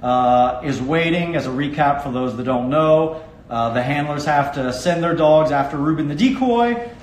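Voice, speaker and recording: A man's voice: fairly high pitch, animated, moderate pace, a little hiss or hum. A man hosting a casual interview, recapping events and explaining details for viewers, with an easy laugh. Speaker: host. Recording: echoey room.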